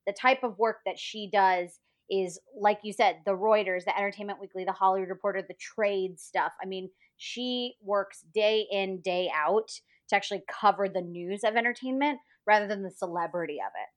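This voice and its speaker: A woman's voice: medium pitch, moderate pace, hardly any pauses. A woman co-hosting a podcast, chatting casually and enthusiastically about a guest's work. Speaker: podcast co-host. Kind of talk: casual chat.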